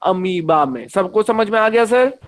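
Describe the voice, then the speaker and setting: A man leads an online science lesson in a fairly high voice. He talks in a lively way and keeps asking the students questions. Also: measured pace. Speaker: teacher.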